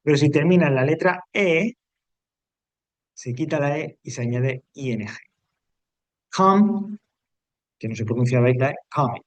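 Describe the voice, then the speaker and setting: A man's voice: fairly high pitch, expressive, measured pace, long pauses, no room sound. Male teacher, patient and repetitive, dry close sound. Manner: explains step by step, repeats rules, checks in with "¿vale?". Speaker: English teacher. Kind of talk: classroom grammar lesson.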